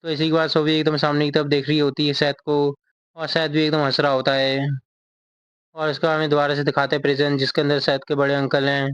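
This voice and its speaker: A man's voice: on the high side, completely flat delivery, fairly quick, fairly bright tone, clean tone, no echo, lo-fi sound. A man casually retelling a manga chapter as a recap narrator. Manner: reads character lines in the same plain voice.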